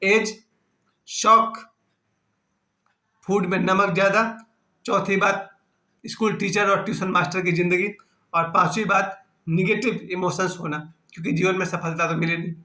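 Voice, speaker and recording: A man's voice: sits high, sharp tone, echoey room. A man in his fifties giving an earnest, self-mocking personal talk on his vlog. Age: 50s. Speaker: vlogger.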